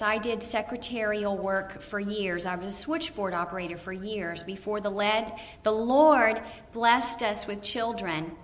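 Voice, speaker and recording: Bright-voiced woman giving a Bible lesson. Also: mid-range voice. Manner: lively, acts out quoted voices. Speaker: preacher's wife teaching a Bible lesson. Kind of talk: Bible teaching talk.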